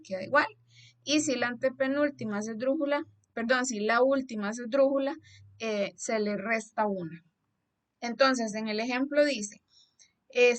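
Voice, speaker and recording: Patient Costa Rican teacher, higher voice. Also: female voice, a bit bright. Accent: Costa Rican Spanish. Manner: patient, explanatory, asks "¿verdad?" to check understanding. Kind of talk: classroom lesson explaining a slide.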